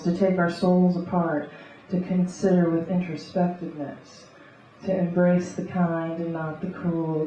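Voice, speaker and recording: A woman reading beatnik spoken-word poetry live, in rhythmic, deliberate, short clipped phrases. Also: lowish voice, mellow. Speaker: poet and conceptual artist. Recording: echoey live room, distant muffled mic, faint noise.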